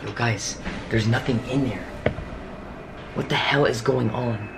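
A man's voice: medium pitch, unhurried, creaky, noisy background. A young adult man talking urgently and dramatically to camera as a vlogger in a small home office, with exclamations and sighs. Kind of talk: dramatic paranormal challenge vlog. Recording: home room with music behind.

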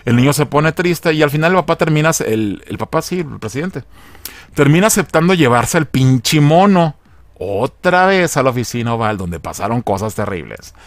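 A man giving a slangy, animated recap of a TV episode, acting out the lines in different voices. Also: mid-range voice, normal speed, no echo. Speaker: video reviewer.

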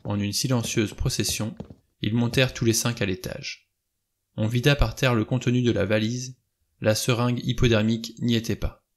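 A man reading a novel aloud in steady, plain storytelling narration. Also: medium pitch, normal speed. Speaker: audiobook reader. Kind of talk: scripted narration.

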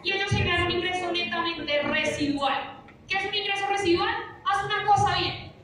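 Filmed from afar on an audience phone in a big lecture room with a projector screen, a young woman delivers a motivational finance seminar. Her very high-pitched voice is pushed and bright at a normal speed, and her punchy, rhetorical style keeps returning to "¿listo?". The distant sound echoes and carries a faint hiss.

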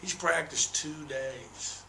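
A man in his sixties, head coach of a basketball team, speaks candidly and in detail after a game at a table microphone on a desk in a small press room, repeating words as he restarts. His gravelly voice is a little high and slow, with background noise and a roomy room echo.

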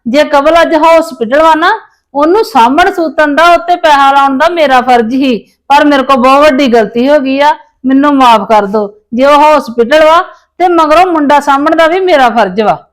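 A woman's voice: high voice, moderate pace. A woman in a family drama, playing a mother-in-law who pleads and apologises to get her grandson back. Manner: pleading, self-pitying. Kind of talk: scripted village family drama.

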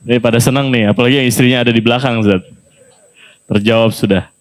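A man's voice: medium pitch, fairly even intonation, fast. A man moderating a religious talk, politely reading out audience questions to the preacher. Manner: polite, deferential.

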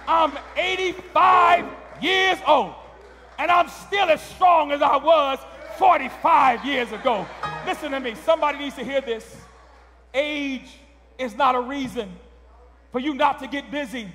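A middle-aged male pastor preaching loudly, building up with repeated calls in a large church. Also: very high-pitched, unhurried, soft background music, some chatter behind. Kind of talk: sermon. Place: large wood-paneled church sanctuary. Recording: long church hall reverb.

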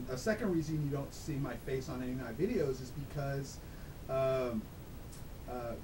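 As an interview guest, a dice-control instructor speaks through a voice disguiser, explaining things casually and emphatically and often checking in with "okay?". The recording has background noise with a low rumble.

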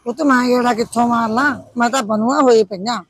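A woman's voice: fairly high pitch, a little fast, breathy edge. A woman playing a gossipy, complaining old village woman, with a Punjabi accent. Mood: gossiping. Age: older. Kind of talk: village comedy drama.

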